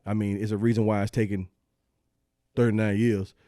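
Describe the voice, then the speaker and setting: A man's voice: lowish voice, little pitch movement, a little fast, dark tone, no echo, studio quality. Laid-back man rambling about sports. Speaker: podcast co-host. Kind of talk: casual sports chat.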